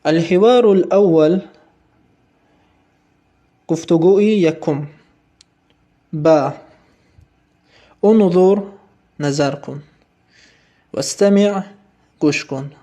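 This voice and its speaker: A man teaches a recorded Arabic lesson. His voice sits fairly high but sounds mellow and soft-edged. He drills each phrase slowly and repeats it before explaining.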